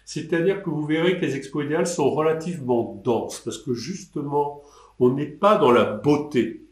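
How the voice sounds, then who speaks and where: An artist in his sixties speaks at a moderate pace in a voice on the high side, answering questions live online. He rambles and hesitates, starting over many times, from a desk indoors where a webcam records roomy-sounding audio.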